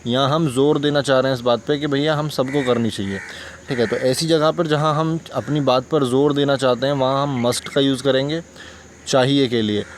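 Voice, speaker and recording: Male teacher with a Hindustani accent, mid-pitched, patient explainer, faint background noise. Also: fairly even intonation, fairly quick. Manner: patient, repeats examples, asks checking questions. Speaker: English teacher. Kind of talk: explaining grammar lesson.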